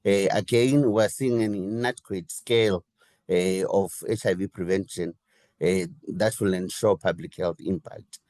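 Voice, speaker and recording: A man giving a webinar presentation as a health program advisor, his voice groggy from a coming flu, measured and listing points with small restarts. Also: low voice, fairly even intonation, darkish tone, no room sound. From Zimbabwe.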